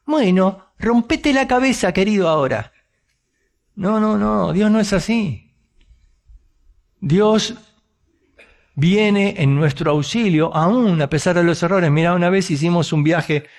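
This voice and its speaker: A man with an Argentine accent preaching a sermon, telling a story with animated, conversational asides and rhetorical questions. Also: high-pitched. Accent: Argentine Spanish.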